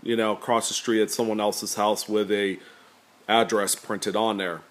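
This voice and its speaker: A California coin-collecting YouTuber with a deep, slightly nasal voice talks casually to camera, rambling in a relaxed, unhurried way full of ums and uhs. The camera points at the table while he stays off screen.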